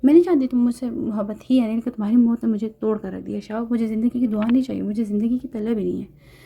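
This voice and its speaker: Voiced by a woman, a young widowed mother in a spoken romance novel talks with a husky, somewhat high voice. Her lines come out earnest and sorrowful, firm about her child's future. The recording sounds slightly dull and lo-fi. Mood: grieving.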